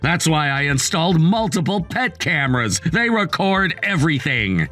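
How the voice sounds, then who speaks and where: A man's voice: fairly high pitch, big pitch swings, normal speed, sharp tone, faint music behind. A man voicing a betrayed young husband in a dramatized text story, curt and icy.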